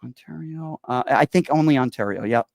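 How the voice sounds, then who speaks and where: A man's voice: medium pitch, moderate pace, vocal fry, no echo, studio quality. A man in his forties from Connecticut, hosting a casual chat show and rambling with fillers and repeated yeps. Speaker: show host.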